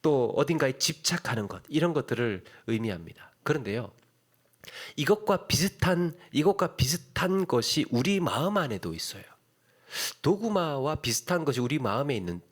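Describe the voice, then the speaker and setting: A man's voice: mid-range voice, slightly rough. A man preaching a sermon in a church, talking conversationally, repeating his phrases and putting questions to the congregation. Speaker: pastor.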